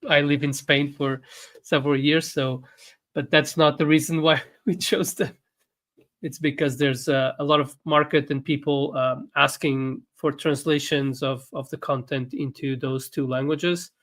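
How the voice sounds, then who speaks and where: Co-hosting a relaxed livestream, this man, who runs an online academy and comes from a Portuguese-speaking country with Portuguese as his first language, speaks haltingly, leaning on fillers. His voice is a little high and a bit bright, flat in delivery and a little slow.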